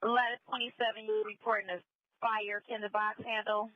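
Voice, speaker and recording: A woman's voice: mid-range voice, little pitch movement, moderate pace, heavy background noise. A woman working as a fire dispatcher on urgent firefighter radio, repeating back reports in clipped, procedural phrases. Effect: two-way radio. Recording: dull lo-fi radio audio.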